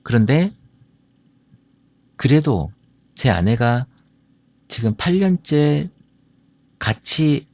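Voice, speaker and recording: A middle-aged man from South Korea's Jeolla region addresses an audience on marriage and family, telling stories and asking listeners questions. His mid-range voice has a sing-song lilt and moves extremely slowly with long pauses. The recording is dry.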